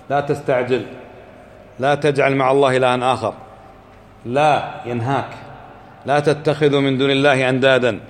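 With a mid-range voice, a man teaches a religious class, putting questions to students, going back over points, and chanting verses he quotes. There is slight background noise in the echoey hall, along with faint ambience.

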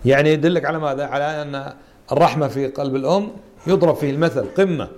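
A man's voice: fairly high pitch, quick pace, darkish tone. Man teaching a Quran class. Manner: questions students, repeats and stresses words. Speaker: religious teacher. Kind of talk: Quran interpretation lesson.

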